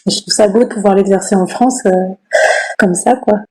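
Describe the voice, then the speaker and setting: A woman's voice: mid-range voice, a little fast, slight background noise, poor audio. A woman in her thirties, a guest on a podcast, talking casually with frequent laughs and fillers. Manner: relaxed, laughs often, many fillers. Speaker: guest, Ayurveda practitioner. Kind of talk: casual conversation.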